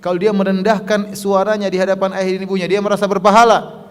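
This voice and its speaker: A man's voice: sits high, quick pace. Man preaching in a reverberant hall. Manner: lively, acts out little dialogues, says "ya" constantly. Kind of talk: sermon.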